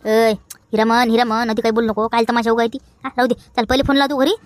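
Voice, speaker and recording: A woman's voice: fairly high pitch, flat delivery, fast talker, dry recording, lightly acted. A woman with a Vidarbha Marathi accent playing a bossy village woman in a rustic comedy sketch.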